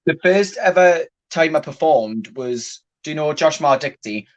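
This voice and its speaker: A man's voice: a little high, expressive, measured pace, highs cut off. Sweary man telling stories. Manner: swears a lot, laughs while telling stories. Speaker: drag queen guest. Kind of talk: casual storytelling chat.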